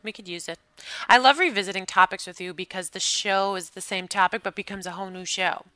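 A woman's voice: mid-range voice, brisk, bright, forceful tone, no echo. A woman co-hosting a podcast in casual chat, agreeable and easygoing. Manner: agreeable, frequent yeahs and laughs. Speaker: podcast co-host.

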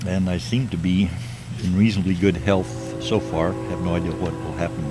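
An older man slowly musing in a plain, matter-of-fact way while filming himself outdoors. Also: sits low, steady tone, over loud music. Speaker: video maker. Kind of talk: rambling self-filmed monologue. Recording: noisy outdoor video clip.

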